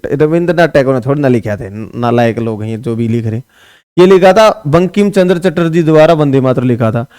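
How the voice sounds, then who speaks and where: A man's voice: high-pitched, a little mellow, clean tone, no room sound, studio quality. A man teaching an exam-prep lesson, firing off quiz questions and answering them himself, repeating each answer with a tag question. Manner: casual, scolds sloppy notes.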